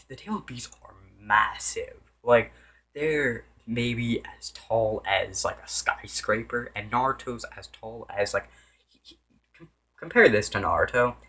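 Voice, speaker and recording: A man's voice: fairly low pitch, pushed and bright. A man giving a casual, unscripted game review, rambling with many restarts and self-corrections and sometimes losing his train of thought.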